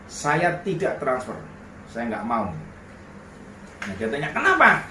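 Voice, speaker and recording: A man telling a personal story in a lively way, slipping into broken English phrases. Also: medium pitch, takes it slowly, background noise. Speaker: vlogger. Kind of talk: storytelling monologue. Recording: roomy sound, voice distant from mic.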